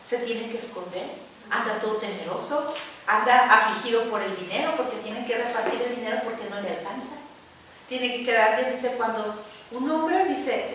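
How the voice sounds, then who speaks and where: High-voiced woman preaching in an echoey church. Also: a bit bright. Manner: earnest, conversational, asks the audience for agreement. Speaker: preacher at a women's gathering. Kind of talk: sermon. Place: church hall. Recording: distant mic in an echoey church hall with faint noise.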